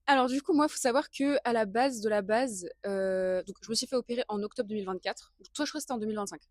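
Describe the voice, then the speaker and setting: A woman's voice: fairly high pitch, fast talker, a little mellow, no echo, clean studio sound. A woman in her early twenties co-hosting a podcast, telling personal stories in a slangy, rambling, giggly way. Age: early 20s. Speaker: podcast co-host. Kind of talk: casual chat, personal storytelling.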